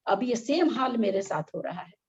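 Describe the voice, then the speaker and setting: A woman's voice: on the high side, expressive, normal speed, darkish tone, husky, highs cut off. A middle-aged woman teaching an online scripture study class, her voice strained and weak, talking with effort and scolding at times. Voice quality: strained, weakened voice. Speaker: religious study group teacher. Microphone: video call.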